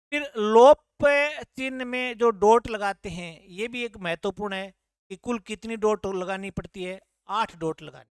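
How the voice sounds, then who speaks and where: Smooth-voiced male teacher. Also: high-pitched, a bit bright, no room sound. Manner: explains patiently, repeats key points, asks "हैं?" to check. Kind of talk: classroom grammar lesson at a board.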